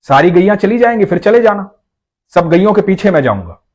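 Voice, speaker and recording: A man voicing a cheerful young village cowherd boy of about ten, calling out loudly and coaxing an old man to stop. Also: sits high, very animated, brisk, voice pushed up. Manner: coaxing, insistent, raised voice.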